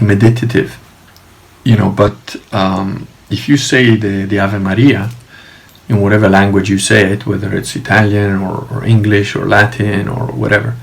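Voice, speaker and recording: A middle-aged man talking in a casual, halting video diary, reflective and informal as he rambles. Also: lowish voice, creaky. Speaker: video diarist.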